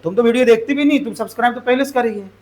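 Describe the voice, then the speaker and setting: A man teaches English grammar to a classroom. His voice sits very high for a man. He keeps throwing questions at the students and has them repeat the answers aloud. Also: rapid-fire, darkish tone, some chatter behind. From Jharkhand, India.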